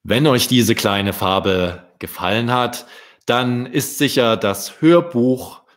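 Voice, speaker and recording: A man, a children's book author, reading his story aloud in a deliberate storytelling manner. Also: mid-range voice.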